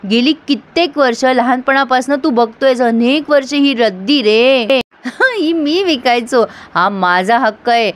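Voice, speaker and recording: A woman's voice: high voice, unhurried. A woman voicing a dramatic, teasing young man who delivers mock-outraged speeches.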